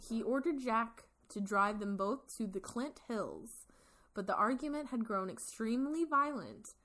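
A woman's voice: a little high, a bit bright. Informal woman telling a true-crime story. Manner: giggly, informal, swearing. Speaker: podcast host. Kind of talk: casual true-crime storytelling, partly read from notes.

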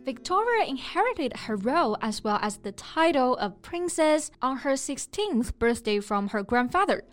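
Higher-voiced woman teaching English. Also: sing-song, moderate pace. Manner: explains word meanings step by step. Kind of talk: bilingual language lesson. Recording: faint music underneath.

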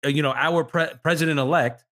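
A man's voice: a little high, a little fast, a bit bright. A man hosting a casual political chat, explaining and repeating his points. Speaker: host.

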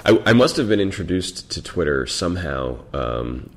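A man with a low, sing-song voice hosts a podcast at normal speed, asking questions in a hesitant, chatty manner during a casual interview. He often restarts words and laughs.

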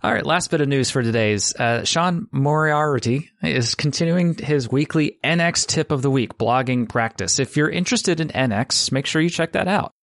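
A man co-hosting a tech podcast, reading out a news item in a relaxed way with ums. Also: fairly high pitch, moderate pace, hardly any pauses, dry recording, clean studio sound. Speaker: podcast co-host. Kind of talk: news segment chat.

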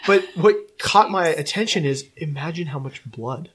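A man's voice: on the high side, moderate pace, a bit bright. A man co-hosting a podcast, telling stories in a rambling, casual way. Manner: rambling storyteller, many restarts. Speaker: podcast co-host. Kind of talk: casual chat.

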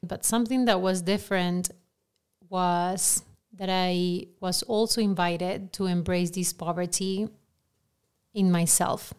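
A woman's voice: on the low side, takes it slowly, clean tone. A woman from Peru with a Peruvian Spanish accent, a native Spanish speaker, talking candidly and easily in a casual podcast conversation. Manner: candid, lively, laughs easily. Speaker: formator on a podcast panel.

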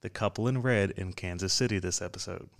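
A man co-hosting a sports podcast, chiming in with quick, playful remarks. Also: sits low, gravelly. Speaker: sports commentator, podcast co-host. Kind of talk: casual sports podcast chat.

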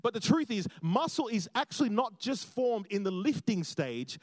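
A man preaching as a guest church planter, animated and repeating phrases for emphasis. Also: high voice, moderate pace, no room sound. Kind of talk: sermon.

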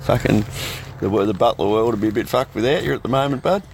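A man's voice: medium pitch, fast, a little hiss or hum. A man in his fifties with an Australian accent, hosting a casual, sweary chat full of blokey slang. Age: 50s. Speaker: host.

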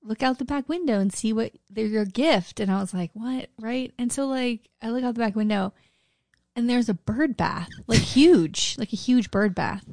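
A middle-aged woman talks as a podcast co-host with a creaky, gravelly voice strained from shouting. She is blunt and casual, swears freely and peppers her talk with "like". The sound is dry and close. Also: fairly high pitch, normal speed, dry recording. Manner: blunt, profane, uses "like" constantly. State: strained throat after a day of screaming. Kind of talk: casual candid chat.

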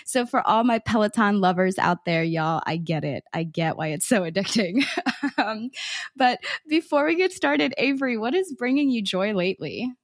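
A woman's voice: mid-range voice, expressive, moderate pace, no echo, clean studio sound. A woman hosting a podcast in a casual interview chat, bubbly and laughing often, slightly out of breath. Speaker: podcast host.

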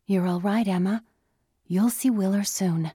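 Calm mother, soft and slow, read by a woman. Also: a little high, husky, no room sound, clean studio sound, pitched above the performer's own voice. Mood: soothing. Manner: unusually calm, hushed. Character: calm, anxious mother soothing her sick little girl.

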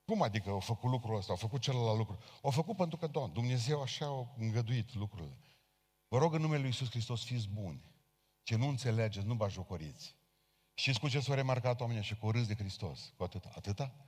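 A man's voice: mid-range voice, lively intonation, slightly rough. A man preaching a sermon as a Pentecostal pastor, speaking fervently and addressing his congregation directly. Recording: long hall reverb.

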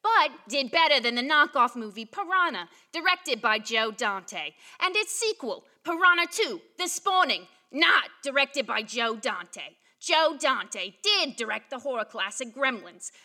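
A woman's voice: sits high, sing-song, unhurried, few pauses, sharp tone, heavily acted. A woman playing a pedantic, literal-minded, malfunctioning sidekick who recites trivia in an audio comedy. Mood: obsessive reciting.

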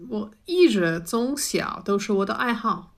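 A woman's voice: medium pitch, expressive, unhurried, vocal fry. A middle-aged British woman, a native English speaker, speaks Mandarin with a foreign accent in an interview, using simple phrasing and searching for words. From United Kingdom. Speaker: interview guest, food writer and cook. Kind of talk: conversational interview answers.

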